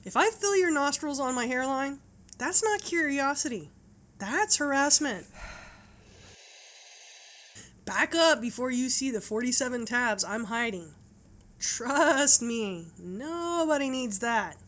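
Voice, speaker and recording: A woman's voice: sits high, lively intonation, unhurried, fairly bright tone. A woman playing a sarcastic, exasperated bystander griping in a comedy parody. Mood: indignant.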